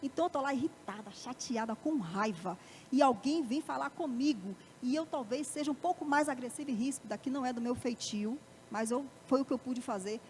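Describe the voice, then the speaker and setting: High-voiced Brazilian woman lecturing. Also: brisk, darkish tone, a little hiss or hum. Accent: Brazilian Portuguese. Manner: asks the audience frequent rhetorical questions. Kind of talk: live motivational talk. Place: parish auditorium.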